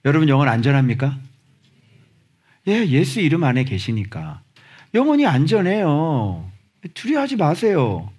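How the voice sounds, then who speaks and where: Korean pastor guy preaching, kinda high husky voice, gets loud and animated. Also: normal speed, pauses often. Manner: animated, shouting exhortations at the congregation; acts out little dialogues in different voices. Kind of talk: sermon. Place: church sanctuary.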